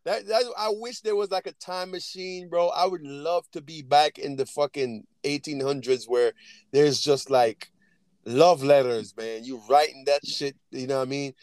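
A young man in casual chat on a podcast, animated and slangy, saying bro often. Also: fairly high pitch, moderate pace, no room sound.

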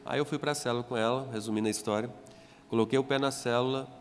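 A man's voice: medium pitch, fairly even intonation, fast, slight background noise. A man, a pastor telling his conversion story in a sermon and acting out the dialogue. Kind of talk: testimony sermon. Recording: reverberant hall with soft music.

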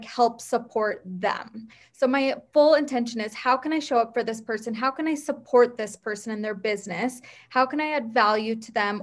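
Woman podcast cohost, kinda high voice, chatty, explaining stuff casually. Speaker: podcast co-host.

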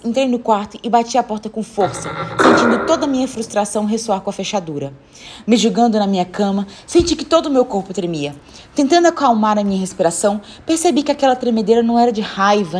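Husky woman reading a story aloud. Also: fairly high pitch. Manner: first-person reading with lively voiced dialogue. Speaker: narrator. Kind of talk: storybook narration.

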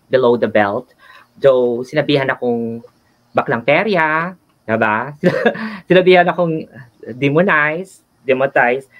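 A man's voice: medium pitch, a bit bright. A man co-hosting a casual show, chatting in a flamboyant, giggly way. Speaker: co-host and nurse. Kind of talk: casual Taglish show chat. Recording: dull lo-fi sound.

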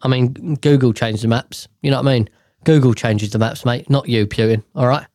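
A man's voice: mid-range voice, fairly even intonation, fairly quick, darkish tone, no echo, clean studio sound. A man hosting a podcast, reading the news aloud in a stumbling way and rambling off into irreverent, swearing asides. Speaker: podcast host. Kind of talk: casual chat while reading news aloud.

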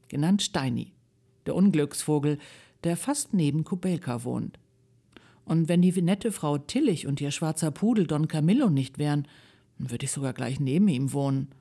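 A woman giving a live reading of a children's book in a radio studio, telling it with lively shifts in pitch, then chatting casually with the host. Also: gravelly, slightly rough. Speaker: guest reader.

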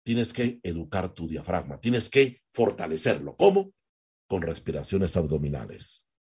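A man teaching a lecture on voice technique, animated and demonstrative, drawing out vowels as examples. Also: sits low, a little slow, breathy edge. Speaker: voice coach.

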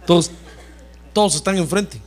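A man preaching a sermon as pastor, talking straight to his listeners and often calling them brother. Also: sits high. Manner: animated preaching that repeatedly addresses listeners as brother.

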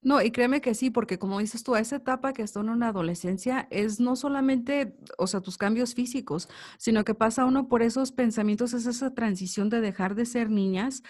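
Una mujer entrevistando a una amiga con trato cercano y afirmativo, llamándola "amiga" y animándola. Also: female voice, fairly high pitch, brisk, few pauses, darkish tone. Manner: friendly and affirming, calls the guest "amiga". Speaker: interviewer. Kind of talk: casual interview chat.

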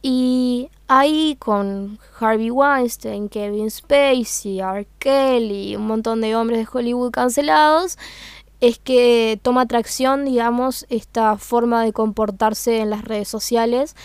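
Her voice is on the high side, with fairly even intonation, a slow pace and a clear, resonant tone, recorded dry. This young meme page creator has a Uruguayan Spanish accent and talks through her thoughts in a casual, hesitant way, reaching for words and using lots of fillers.

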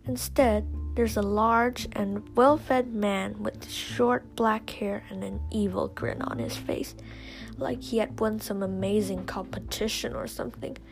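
A woman's voice: mid-range voice, steady tone, measured pace, vocal fry, faint music behind. A woman reading a first-person adventure story aloud, often dropping to a whisper.

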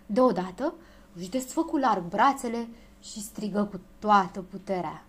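A woman narrating a children's story aloud with expressive storytelling. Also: mid-range voice, breathy edge.

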